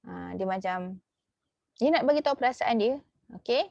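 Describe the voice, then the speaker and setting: A woman's voice: a little high, lively intonation, creaky, darkish tone, no room sound. Malaysian woman teaching, dull lo-fi sound. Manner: many "okey" and "ha" fillers, repeats key words slowly. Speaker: religious school teacher. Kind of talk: online class lesson.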